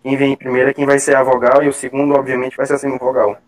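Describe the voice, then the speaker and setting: A man rattles off tips in quick, slangy speech. His voice sits at a mid pitch and he moves at a brisk pace. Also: completely flat delivery. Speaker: study group member. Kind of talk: casual group call chat.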